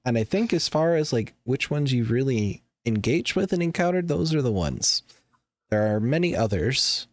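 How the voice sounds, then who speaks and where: A man narrating as game master, unhurried and filling pauses with ums and uhs. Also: mid-range voice, dry recording. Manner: relaxed, hesitant, with many fillers.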